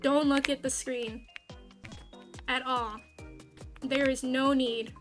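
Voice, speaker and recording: A woman's voice: high-pitched, steady tone, slow, faint music behind. A woman streamer telling a rambling, self-mocking story while she plays a game, with sudden cries of frustration. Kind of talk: casual storytelling while gaming.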